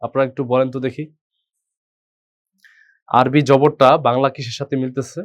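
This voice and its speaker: A man leads an online Quran reading lesson in a mid-range voice. He stretches each Arabic letter sound out slowly as he drills it. He keeps checking in with his students by asking them questions. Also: mid-range voice, level tone. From Bangladesh. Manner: slow drawn-out letter drills, asks the class questions. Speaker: Quran teacher.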